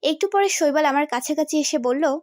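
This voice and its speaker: A young woman narrates a story in the first person with expressive storytelling. Her voice is high and comes across dry and close to the mic. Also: normal speed, no room sound.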